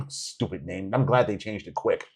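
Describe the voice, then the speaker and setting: A man co-hosting a podcast, telling wrestling stories in a casual, animated way. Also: fairly low pitch, normal speed, breathy edge. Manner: animated storytelling, quotes wrestlers. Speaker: podcast co-host. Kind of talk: casual chat.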